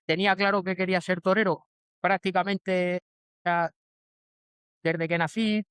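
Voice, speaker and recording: Spanish man in his forties, smooth and halting. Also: sits high, little pitch movement, a bit bright, dry recording. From Spain. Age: 40s. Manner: hesitant, many restarts and fillers. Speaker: bullfighter guest. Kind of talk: casual interview answers.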